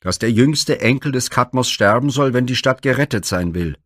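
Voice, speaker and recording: A man's voice: mid-range voice, animated, normal speed, a bit bright, no echo, clean studio sound, voice pushed up. A man reading the part of a stern old blind seer in a myth storybook, speaking in grave, solemn pronouncements.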